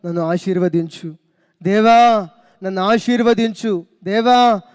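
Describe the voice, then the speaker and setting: A man's voice: high-pitched, measured pace, darkish tone, clear, resonant tone, in a large hall. A man voicing a desperate pleading wrestler. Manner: pleading, repeating his plea.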